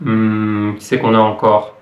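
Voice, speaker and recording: A man's voice: fairly low pitch, monotone, measured pace, recorded from a distance, muffled recording. A man hosting an informal language lesson, explaining hesitantly as he thinks aloud. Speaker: host, language teacher. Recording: echoey room.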